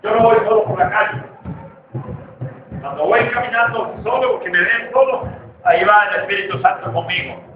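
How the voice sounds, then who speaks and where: High-voiced pastor preaching in an echoey hall. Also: male voice, moderate pace, music in the background. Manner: fervent preaching, often shouting. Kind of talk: sermon. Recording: distant echoey church hall, lo-fi, noisy.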